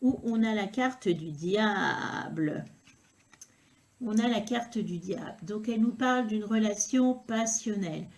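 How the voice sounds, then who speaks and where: A woman reading tarot cards to the viewer, talking unhurriedly and filling pauses with hein and euh. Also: mid-range voice. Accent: regional accent, unnamed. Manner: unhurried, filler-heavy talk with frequent "hein" and "euh". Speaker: tarot card reader.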